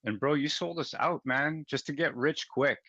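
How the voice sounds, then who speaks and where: Insistent man arguing, bright forceful voice, muffled recording. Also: a little high, normal speed, no echo. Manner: insistent, interrupting, talks over the other; sweary, colloquial, calls the other man bro. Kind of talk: heated argument in a recorded call. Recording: dull lo-fi secretly recorded call.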